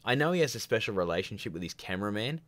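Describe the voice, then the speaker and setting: Very animated and rapid-fire, the deep-voiced host of a filmmaking livestream rambles through a casual Q&A, frank and opinionated, with joking asides. His tone is a bit bright, and the dry recording leaves very little room around the voice.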